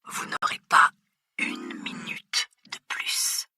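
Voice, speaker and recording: A woman voicing a masked mysterious stranger who speaks in a disguised, distorted voice, breathy and half-whispered in a storybook reading. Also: takes it slowly, bright, forceful tone, dry recording, clean studio sound. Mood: taunting. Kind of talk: storybook narration.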